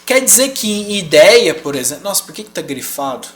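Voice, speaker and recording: A man's voice: sits high, sing-song, brisk. A man with a Brazilian Portuguese accent teaching a live online lesson, explaining patiently and checking in with the class often.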